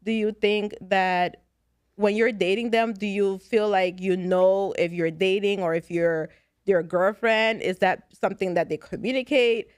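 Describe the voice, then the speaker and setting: A woman's voice: medium pitch, steady tone, a little slow, smooth, dry recording, studio quality. A woman hosting a casual podcast chat with friends, asking many questions. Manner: chatty, asks many questions. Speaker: podcast host.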